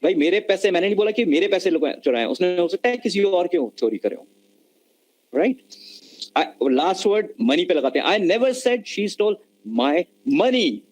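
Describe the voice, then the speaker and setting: A man's voice: high voice, expressive, brisk, a little mellow, poor audio. A man giving an online lecture on communication skills, explaining patiently and mixing Hindi and mid-sentence over a video call. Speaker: webinar lecturer.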